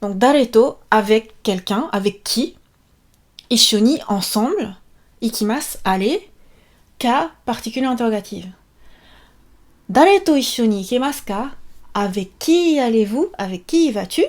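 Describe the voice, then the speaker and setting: Woman, casual online language teacher, fairly high voice, bouncy and chatty with lots of fillers. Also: a little slow, pauses often. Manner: lively, chatty, many fillers, playful asides. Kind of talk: casual video lesson.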